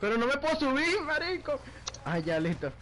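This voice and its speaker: Man, Venezuelan accent, high-pitched voice, giggly, teasing, gaming commentary. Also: big pitch swings, brisk, heavy background noise. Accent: Venezuelan Spanish. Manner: laughs often, swears casually, teasing. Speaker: gaming video creator. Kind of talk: casual gameplay commentary with a friend.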